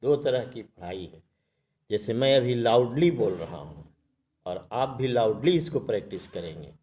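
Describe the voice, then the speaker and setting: A man teaching spoken English. He says each English phrase slowly, spells words out letter by letter, and explains them in Hindi in a calm, even voice. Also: medium pitch.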